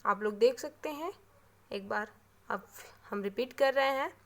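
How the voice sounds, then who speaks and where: A woman teaching a grammar lesson, repeating key terms slowly and checking in with frequent tag questions. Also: fairly high pitch.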